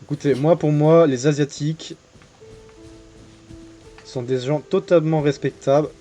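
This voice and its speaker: A young man streams a game and talks to his viewers in a relaxed, joking way, with crude language. His voice sits a bit higher than most men's. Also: measured pace, faint music behind. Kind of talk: casual live game commentary.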